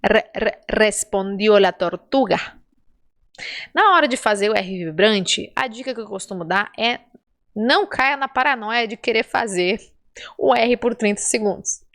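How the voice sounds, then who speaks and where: A woman's voice: on the high side, fairly bright tone. Brazilian woman teaching Spanish pronunciation. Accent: Brazilian Portuguese. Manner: drawn-out exaggerated demonstrations of sounds; chatty and encouraging, with frequent check-ins. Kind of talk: pronunciation lesson.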